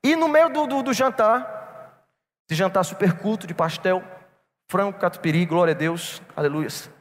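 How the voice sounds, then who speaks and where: Addressing his congregation as brothers, a man preaches a sermon built around a personal story. He speaks with a non-local Brazilian accent in a voice that sits high, at a moderate pace. Long reverb fills the church hall recording.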